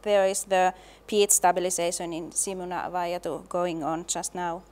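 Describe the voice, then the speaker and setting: A middle-aged woman giving a conference presentation in a measured way, pausing often to hesitate. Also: on the low side, little pitch movement, darkish tone. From Finland. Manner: slow, measured, with frequent hesitations. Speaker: laboratory and design specialist, presenter.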